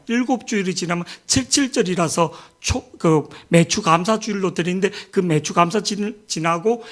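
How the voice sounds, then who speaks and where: High-voiced Korean pastor preaching. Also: male voice. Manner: lively, calls for "amen" often, anecdotal asides. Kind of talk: sermon.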